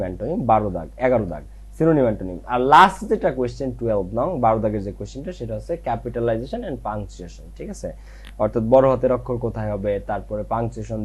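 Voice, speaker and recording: A young man teaching an exam-prep lecture, reassuring students and checking in often with quick tag questions. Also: lowish voice, a little mellow, slightly rough.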